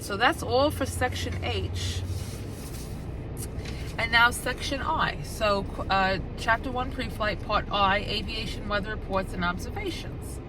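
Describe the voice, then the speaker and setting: A woman's voice: mid-range voice, background noise. A woman with a Brooklyn New York accent reads a study guide aloud, spelling out acronyms and explaining casually to her listeners. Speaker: flight instruction presenter, pilot.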